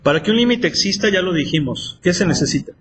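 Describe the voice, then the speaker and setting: A man's voice: high-pitched, lively intonation, fast talker, fairly bright tone, a little hiss or hum. A man teaching math in a classroom, quizzing students with repeated questions. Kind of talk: classroom lecture.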